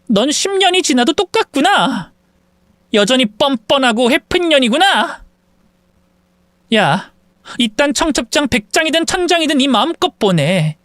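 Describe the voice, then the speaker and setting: A woman's voice: high-pitched, no room sound, clean studio sound. A woman voicing a betrayed young woman who bluntly and angrily insults her former friend over the phone in a drama story. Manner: sharp, accusing, harsh insults. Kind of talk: acted phone quarrel in a story video.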